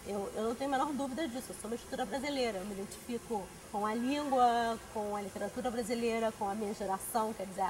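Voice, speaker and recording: A woman's voice: on the high side, poor audio. Reflective woman writer in her forties. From Brazil. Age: 40s. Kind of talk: documentary interview.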